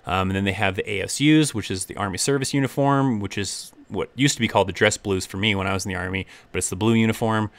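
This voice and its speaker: A man's voice: on the low side, fast talker, few pauses, dry recording. A young man hosting a casual live-stream Q&A, reading viewer questions aloud and rambling through answers with easy laughs.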